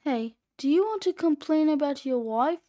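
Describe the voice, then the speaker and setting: A woman's voice: high voice, animated, normal speed, warm tone. Nate, a woman voicing a smug schoolboy. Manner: smug, wisecracking. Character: cocky sixth-grade boy, scheming and sarcastic.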